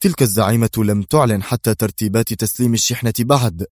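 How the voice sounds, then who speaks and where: A man's voice: on the low side, fast talker, darkish tone, no room sound, clean studio sound, lightly acted. A man voicing an anxious, snappish male defense secretary in an audiobook. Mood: tense. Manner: tense, snappish.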